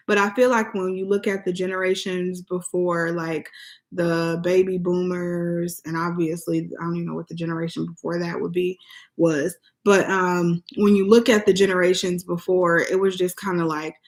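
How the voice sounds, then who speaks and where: A woman's voice: fairly low pitch, steady tone, normal speed. American woman chatting candidly. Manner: candid, informal, swearing freely. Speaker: vlog co-host. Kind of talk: casual opinionated chat.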